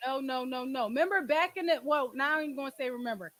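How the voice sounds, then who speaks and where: Talking fast in a high, somewhat bright voice, a Philadelphia woman in her twenties hosts her podcast and call-in show. She's candid about relationships, blunt and emphatic, speaking in street slang and swearing often.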